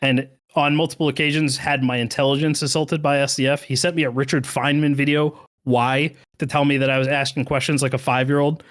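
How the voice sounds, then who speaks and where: A man's voice: mid-range voice, level tone, a little fast, few pauses, fairly bright tone. A man who was a creator manager, ranting heatedly with plenty of swearing on a podcast. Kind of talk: podcast chat.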